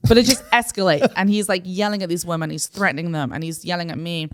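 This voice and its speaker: A woman from New City, co-hosting a casual podcast chat and telling a story with lively acted-out voices. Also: lowish voice, fast talker. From New York City. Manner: animated storytelling, acting out quoted voices. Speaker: podcast co-host.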